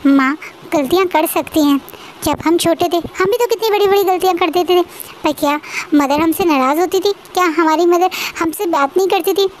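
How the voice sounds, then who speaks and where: A woman voicing a gentle, anxious young man who soothes and pleads in a storybook retelling. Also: very high voice, moderate pace, slight background noise, low-quality recording. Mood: gently scolding.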